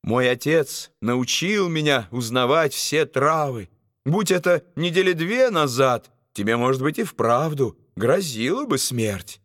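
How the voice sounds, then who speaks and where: A man's voice: medium pitch, animated, unhurried, a bit bright, no echo, studio quality. A man voicing a helpful female goose who offers to help. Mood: reassuring.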